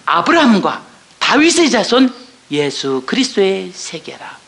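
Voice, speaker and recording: A woman's voice: mid-range voice, a little slow, vocal fry, roomy sound, slight background noise. An older woman giving an emotional church testimony, sighing and exclaiming, sometimes dropping to a whisper. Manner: emotional, animated, exclaims and sighs.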